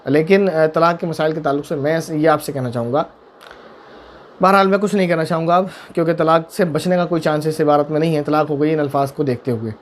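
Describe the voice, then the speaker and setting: A man's voice: on the high side, steady tone, fast talker, a little hiss or hum. A man, a mufti, answering viewer questions on religious matters, emphatic and repetitive, with pointed rhetorical questions. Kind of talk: religious Q&A talk.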